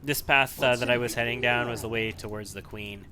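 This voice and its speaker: A man's voice: medium pitch, steady tone, fairly quick. A man giving casual, analytical gameplay commentary, sometimes repeating himself as he thinks. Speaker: video game let's player. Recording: faint background noise.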